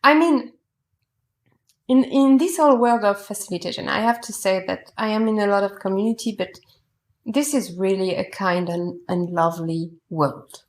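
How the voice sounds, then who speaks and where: A woman's voice: mid-range voice, normal speed. A woman from France, a native French speaker, hosting a casual podcast chat in English, asking eager questions and laughing often. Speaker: podcast host.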